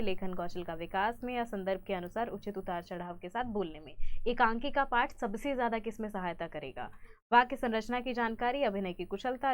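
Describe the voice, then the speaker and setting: A woman teacher, brisk in manner, reading out exam questions and their options, then explaining the answers in an online exam-prep lesson. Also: mid-range voice.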